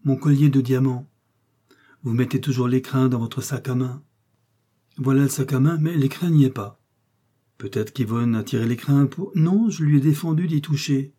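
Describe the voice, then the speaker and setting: A man reading the lines of an agitated young female circus rider in a raised, quick voice. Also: mellow, breathy edge, lightly acted. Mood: furious. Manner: agitated, quick, high-pitched.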